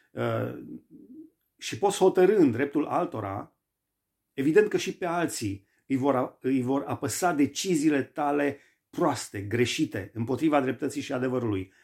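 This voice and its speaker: A man's voice: mid-range voice, darkish tone. A man preaching a sermon, emphatic and repeating phrases for stress.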